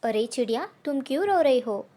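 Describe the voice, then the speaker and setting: A woman's voice: high voice, lively intonation, moderate pace, dark tone. A woman voicing a friendly, kind talking magic pumpkin in a cartoon story, speaking reassuringly.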